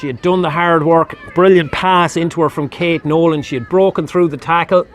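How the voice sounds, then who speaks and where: With a faint hiss or hum in the background, a man with an Irish accent gives live match commentary at normal speed and with fairly even intonation. His pitch and volume shoot up sharply at scoring chances.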